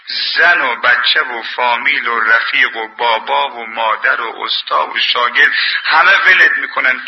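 Gravelly impassioned male preacher. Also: mid-range voice, dull audio. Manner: impassioned, colloquial scolding with anecdotes. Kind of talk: sermon.

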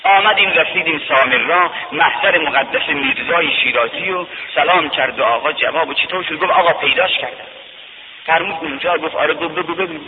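A man telling a story as a sermon, with dramatic rising cries and drawn-out emphasis, heard through a tinny radio broadcast from a mosque hall. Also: fairly high pitch, slight background noise. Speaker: preacher. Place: mosque over loudspeaker.

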